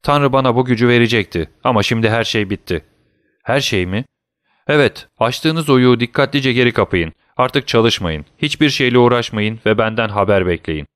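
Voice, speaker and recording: A man's voice: medium pitch, fairly bright tone, smooth, no room sound, clean studio sound, close to an everyday voice. A man voicing a wary old prisoner behind a wall. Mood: regretful. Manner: terse, questioning, hurried. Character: old male prisoner, muffled voice through a wall, cautious.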